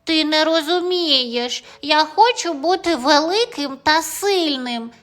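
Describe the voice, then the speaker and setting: A woman's voice: sits high, takes it slowly, fairly bright tone, voice pushed up. Woman doing little boy mouse Tim. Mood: eager, hurt. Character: small timid boy mouse, eager and hurt.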